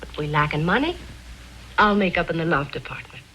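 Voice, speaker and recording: An actress playing an affectionate young wife in a 1950s film, speaking tenderly and softly. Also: female voice, low-pitched, animated, brisk, rough recording. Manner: tender, softly spoken, then anxiously pressing. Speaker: investigator's wife. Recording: hissy old film soundtrack.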